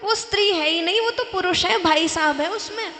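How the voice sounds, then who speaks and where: A woman voicing a blunt, bossy older father-in-law who scolds loudly, in an echoey hall. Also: extremely high pitch, a little fast, heavily acted. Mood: scolding.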